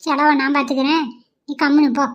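A woman's voice: sits high, level tone, a little fast, lo-fi sound, close to an everyday voice. A woman putting on a bossy, stingy older mother-in-law in a cartoon, scolding sharply.

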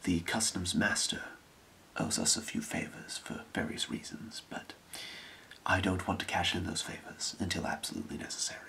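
A man in a whispered role-play, playing a scheming thieves' guild boss with a breathy, creaky whisper and a measured, secretive delivery. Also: low voice, very animated, pushed and bright, heavily acted, rough recording. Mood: hushed, calculating.

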